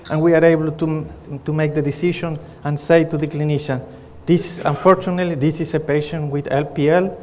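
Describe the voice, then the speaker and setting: A middle-aged man with a Chilean Spanish accent presents his research at a conference, speaking earnestly and often pausing on fillers. His voice sits a little high for a man. A long reverb trails his words around the conference hall. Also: a little mellow. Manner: earnest, with frequent fillers and restarts.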